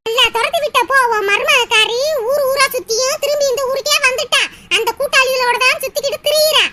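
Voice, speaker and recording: A woman's voice: extremely high pitch, fairly quick. A woman voicing a grown daughter, who complains in a whiny, dramatic way. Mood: complaining. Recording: noisy recording with steady hiss.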